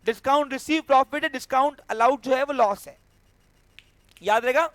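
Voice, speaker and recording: A man with a high-pitched voice teaches commerce students, walking through accounting entries one step at a time. He keeps checking that the class understands and acts out small scenes with a student. The sound is dry, with little room echo. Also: normal speed, a bit bright. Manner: acts out a cash handover with a student. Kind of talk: classroom lecture.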